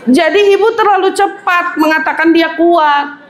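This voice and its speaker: A woman's voice: extremely high pitch, unhurried, some chatter behind. A woman preacher giving a parenting lecture in a mosque, acting out mothers' lines and laughing often. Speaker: Islamic preacher. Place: mosque hall with audience. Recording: echoey hall, audience noise.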